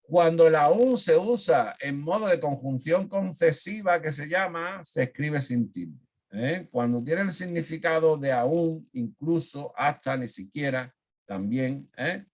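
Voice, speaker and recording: A man giving an online grammar lesson on a video call. He fills pauses with "eh" and keeps checking in with "¿eh?". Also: a little high, animated, a little mellow. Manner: frequent "eh" fillers, checks in with "¿eh?". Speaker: teacher.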